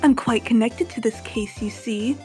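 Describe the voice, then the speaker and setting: A woman voicing a sultry, sharp-tongued female lunch seller in a haughty, teasing manner, as an amateur game voice reading. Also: a little high, normal speed, faint music behind, lightly acted.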